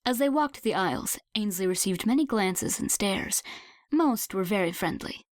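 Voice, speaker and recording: A woman's voice: medium pitch, lively intonation, moderate pace, no echo. Woman narrating an audiobook, dry sound. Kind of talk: scripted narration.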